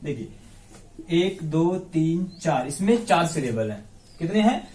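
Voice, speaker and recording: A man teaching English grammar in a classroom-style lesson. He breaks words into syllables slowly, repeats them, quizzes his listeners and calls them his brothers. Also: a little high, very animated, darkish tone, distant mic. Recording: echoey room, voice off the mic.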